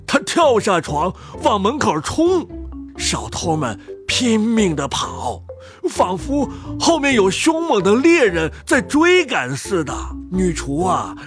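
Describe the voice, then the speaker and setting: Slow, lively storybook reader. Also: medium pitch. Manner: slow, expressive, drawn-out phrases. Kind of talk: storybook reading.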